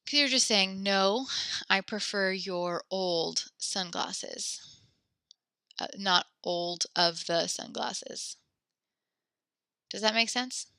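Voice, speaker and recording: Speaking slowly and pausing often, a young woman with a mid-range, pushed, bright, clean voice teaches French online. She sits close to a headset or desk mic, there is no room sound, and she's a bit out of breath. Her manner stays encouraging and patient as she breaks things down step by step.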